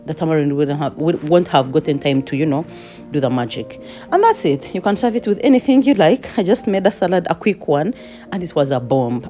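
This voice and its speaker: Woman, low voice, warm and mellow, chatty cooking voice-over, playful asides. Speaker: home cook.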